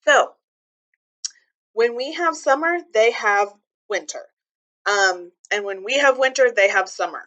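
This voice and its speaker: A woman reads a children's book aloud a little slowly, with lively intonation, in the manner of a teacher. Her voice is bright and fairly high, though the recording cuts off the highs. She shifts between reading and explaining things simply for kids.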